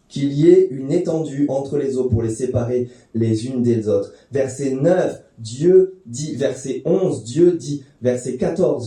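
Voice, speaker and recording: A man preaches a sermon in a dark, mellow voice, talking through the text in an easy, conversational way with the odd filler and restart. The sound rings around a very echoey church hall, and he stands some distance from the microphone. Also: mid-range voice. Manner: conversational teaching with fillers and restarts, addressing the congregation.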